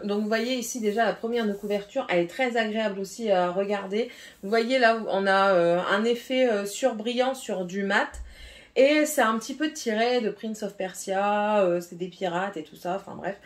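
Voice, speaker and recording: A woman's voice: mid-range voice, moderate pace. Chatty woman showing off a book haul. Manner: chatty and hesitant, with frequent fillers and restarts; reads book blurbs aloud in a more even tone. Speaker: book vlogger. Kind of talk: casual book haul chat.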